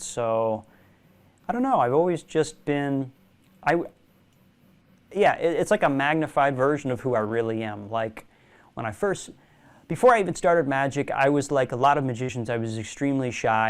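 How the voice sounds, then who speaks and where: A young man, a magician guest in a casual interview, telling animated stories and laughing often. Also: mid-range voice, clean tone. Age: young adult.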